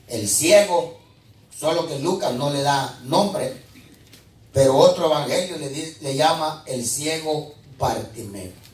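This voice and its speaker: Impassioned preacher in an echoey church. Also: male voice, fairly high pitch, animated, slow pace. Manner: impassioned preaching, swinging between shouts and quiet asides. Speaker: pastor. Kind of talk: sermon. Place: church hall. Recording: echoey church, mic at a distance.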